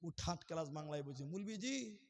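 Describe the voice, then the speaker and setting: A man from Assam preaching at a religious gathering, joking with the crowd and then swelling into loud, drawn-out chanting. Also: a little high. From Assam, India. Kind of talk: sermon with jokes and chanted verses. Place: outdoor gathering stage.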